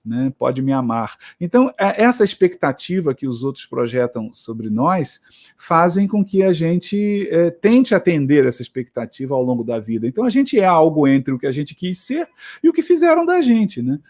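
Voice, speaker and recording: Brazilian guy lecturing teachers, chatty, keeps asking "right?", voice on the higher side. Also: big pitch swings, moderate pace, darkish tone. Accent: Brazilian Portuguese. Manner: conversational, frequent tag questions, reflective. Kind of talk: motivational lecture.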